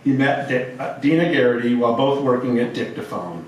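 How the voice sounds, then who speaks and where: A man formally reading a prepared eulogy as officiant of a memorial service, in measured, solemn phrases. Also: medium pitch, expressive. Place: large echoey room at a gathering. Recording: echoey hall, distant mic, faint noise.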